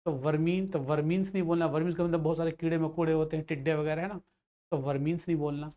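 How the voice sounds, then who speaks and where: A man's voice: on the high side, steady tone, quick pace, dark tone. Hindi-speaking male grammar teacher. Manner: explains patiently, repeats checks like "theek hai"; mixes English phrases into Hindi. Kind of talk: grammar lesson for exam students.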